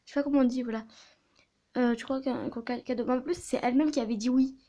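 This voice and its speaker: A woman telling a story in a casual video, talking quietly and hesitantly with many fillers and restarts. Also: high-pitched, steady tone, fast talker. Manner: soft-spoken, quiet. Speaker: video creator.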